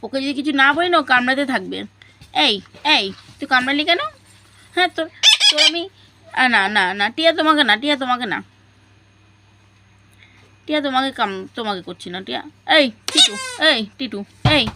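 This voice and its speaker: A woman on a home vlog, coaxing, gently scolding and cooing at her pet parrots. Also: high-pitched, very animated, normal speed, pauses often. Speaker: vlogger talking to pet parrots. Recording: loud background noise.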